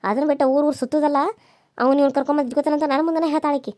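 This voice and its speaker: A sharp-tongued, scheming older village mother-in-law from a cartoon serial, voiced by a woman. She speaks with a North Karnataka accent. She scolds at a fast clip in a high, shrill voice, recorded dry and close. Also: fairly even intonation, no echo, lightly acted. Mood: scolding. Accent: North Karnataka Kannada. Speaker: voice actor.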